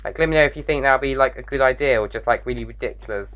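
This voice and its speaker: A man's voice: mid-range voice, racing, lo-fi sound. Rambling gamer losing his voice. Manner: rambling, lots of "like" fillers, self-mocking. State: losing his voice, tired late at night. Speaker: gaming YouTuber. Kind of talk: casual gameplay commentary.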